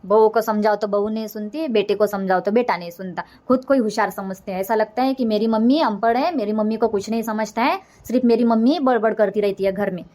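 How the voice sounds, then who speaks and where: A woman's voice: mid-range voice, quick pace, few pauses, mellow, close to an everyday voice. A woman voicing a nagging older village mother-in-law in a comic cartoon, rambling and scolding as she complains. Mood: complaining.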